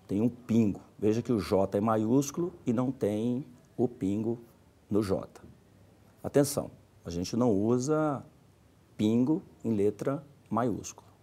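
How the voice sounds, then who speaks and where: A man's voice: lowish voice, darkish tone. A middle-aged man teaching a scripted grammar lesson, stressing each example word with care. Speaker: Portuguese language teacher.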